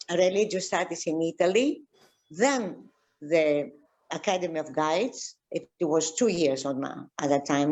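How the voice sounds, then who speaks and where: Slow, halting older woman guide. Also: on the low side, a little mellow. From Egypt. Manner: slow, halting, many fillers and restarts. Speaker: tour guide and archaeologist. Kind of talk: casual video-call chat.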